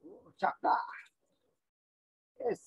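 A man's voice: extremely slow, highs cut off. A man teaching an online class, repeating his words and stalling with hesitations as he explains. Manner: repetitive, thinks aloud with many hesitations.

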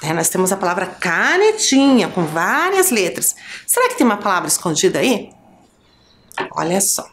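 A woman with a Brazilian accent teaching a children's lesson, counting and spelling out syllables slowly for young pupils. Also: medium pitch, very animated, fairly bright tone, slight background noise. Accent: Brazilian Portuguese. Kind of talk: children's lesson on a school TV channel.

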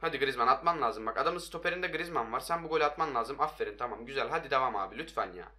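A young man giving excitable, hoarse-voiced commentary on his own mobile football game, talking to his viewers and shouting at his players. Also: mid-range voice, fast talker. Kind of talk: live gameplay commentary.

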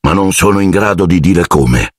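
A man's voice: sits low, animated, moderate pace, no room sound, clean studio sound. A man voicing Lockhart, a vain, boastful male wizard teacher who talks up his own deeds. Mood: pompous boasting. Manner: pompous, self-important.

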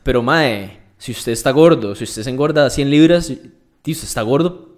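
A young man with a Costa Rican accent talks in a loose, casual podcast chat. He is blunt and emphatic and packs his talk with street slang, with a voice of middling pitch. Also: moderate pace, a crowd in the background. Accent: Costa Rican Spanish. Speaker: podcast guest, fitness influencer.

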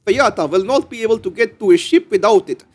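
A man's voice: sits high, expressive, brisk, slightly rough, soft background music, voice pushed up. A man voicing a short, round male alien agent who explains things in a raised, emphatic way. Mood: explaining.

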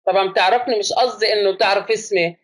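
Fast-talking high-voiced male trainer. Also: fairly even intonation. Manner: quizzes the class with questions; mixes dialect with formal Arabic. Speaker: first aid trainer. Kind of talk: online lecture.

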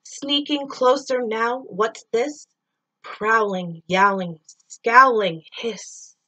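A middle-aged woman gives an expressive read-aloud of a rhyming children's story, drawing out words and sound effects like a teacher with pupils. Her voice is a little high and extremely slow, and the recording quality is low.

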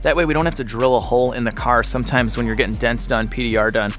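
A man's voice: mid-range voice, steady tone, quick pace, fairly bright tone, faint music behind. A man in his thirties, an enthusiastic car vlogger, narrating and chatting in a large detailing shop. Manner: upbeat, enthusiastic. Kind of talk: vlog narration and shop chat.

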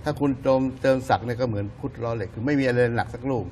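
Male news panelist, playful explainer, relaxed chat, faint noise. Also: medium pitch, racing. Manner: playful, explains with everyday comparisons. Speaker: news talk show panelist. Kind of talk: casual political news chat.

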